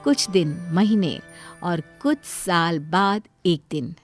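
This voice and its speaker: A woman's voice: on the low side, expressive, slow pace, soft background music. A woman narrating a moral story for a cartoon in a plain storytelling manner.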